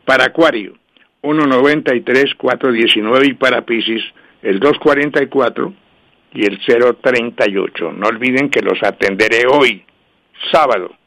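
A radio host who is also a numerologist dictates lucky lottery numbers for every star sign on his call-in program. His patter is quick and repetitive until he slows sharply so listeners can note each number. For a man his pitch is middling, with a slightly bright tone.

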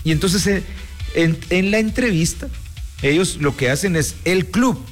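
A man from Guatemala, a sports show host, telling a story in a measured, casual way with many restarts. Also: high voice, expressive, soft background music. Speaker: sports commentator. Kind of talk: casual talk show chat.

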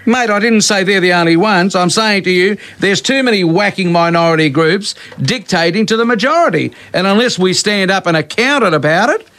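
A man's voice: sits high, animated, a little fast, hardly any pauses, fairly bright tone. A blunt, indignant man from Greece, ranting heatedly on talkback radio.

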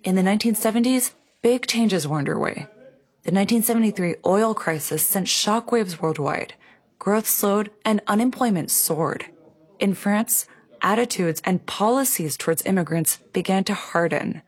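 A woman's voice: medium pitch, moderate pace, breathy edge. A woman reading scripted documentary narration.

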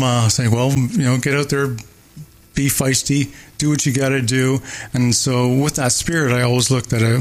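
An older man from Barbados, a mayoral candidate, answering interview questions with many pauses, fillers and restarts. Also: mid-range voice.

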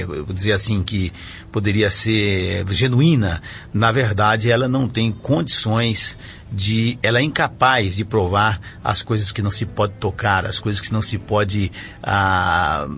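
On a lo-fi radio broadcast with faint music, a male program host and pastor talks in a chatty, explanatory way, frequently adding "né?". His voice is lowish with a fairly bright tone.

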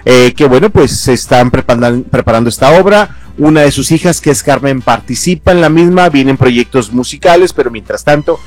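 A man's voice: medium pitch, expressive, fairly quick, few pauses, no room sound, faint music behind. A man with a Mexican accent hosting an entertainment talk show in casual chat, often calling his co-host by name. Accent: Mexican Spanish.

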